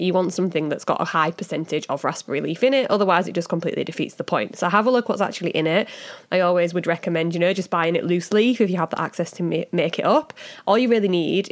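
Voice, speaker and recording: Casting: female podcast host, Hull accent, slightly low voice, chatty and informal explainer. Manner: chatty, informal, hedging asides. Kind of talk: casual explanatory podcast talk.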